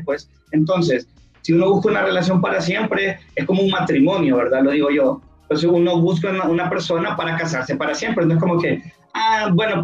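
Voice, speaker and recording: A man chatting casually on a podcast, explaining with analogies and acting out little scenes. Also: high-pitched. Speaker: co-host. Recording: roomy, dull lo-fi sound with faint music.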